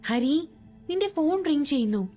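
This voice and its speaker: A woman's voice: high voice, expressive, normal speed, dark tone, faint music behind, voice pushed up. A woman voicing a worried young man who keeps calling out to his friend, in a storybook reading. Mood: concerned.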